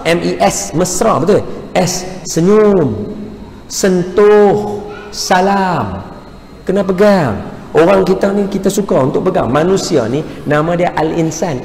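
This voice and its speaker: A man with a northern Malaysian accent giving a lively, humorous lecture in a large mosque hall, acting out little dialogues as he teaches. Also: fairly high pitch, vocal fry. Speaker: religious lecturer. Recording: echoey hall with faint background hum.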